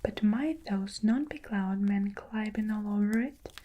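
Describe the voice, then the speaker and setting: A woman's voice: measured pace, lightly acted. A woman voicing a grumbling, cowardly centipede in a whispered storybook reading. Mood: nervous. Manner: whispered, gently raised pitch.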